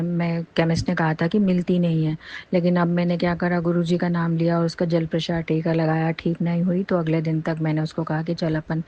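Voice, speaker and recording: In a muffled recording, a low-voiced middle-aged woman shares her personal testimony, a lengthy, sincere, meandering story of faith and thanks as a devotee.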